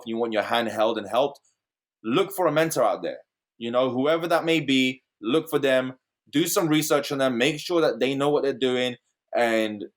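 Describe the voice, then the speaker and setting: A man from the United Kingdom, a guest on a podcast, giving earnest advice in a casual interview with small restarts. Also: mid-range voice.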